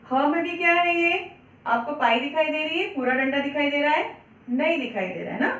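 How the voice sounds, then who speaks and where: Female primary teacher, high voice, slow and patient, repeats words for kids, dull echoey recording from a distance. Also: fairly bright tone. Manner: patient, repeats words slowly, asks and answers own questions. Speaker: primary school Hindi teacher. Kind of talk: children's online lesson.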